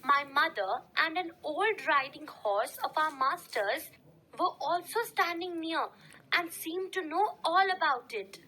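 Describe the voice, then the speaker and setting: A woman reading a classic story aloud for a class lesson, with careful, measured narration. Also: sits high, animated, bright, forceful tone, poor audio. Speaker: story reader.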